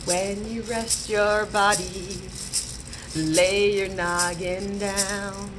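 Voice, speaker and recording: Speaking like a children's librarian, a woman leads a storytime read-aloud and chats with young children in a playful, animated way. Her voice is mid-range, and the recording is rough.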